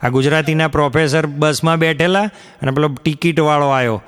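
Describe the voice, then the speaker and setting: Man, stand-up comedian, fairly high voice, long stage reverb, switches voices for characters. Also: steady tone, brisk, a bit bright, clean tone. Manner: acts out quoted characters with shifts in pitch. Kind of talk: stand-up storytelling in Gujarati. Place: live comedy stage before an audience. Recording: hall reverb from a live stage.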